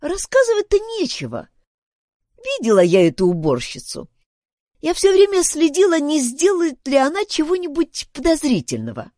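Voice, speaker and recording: A woman doing a high, haughty, indignant girl. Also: huge pitch swings, moderate pace, warm tone, dry recording, studio quality. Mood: stubborn.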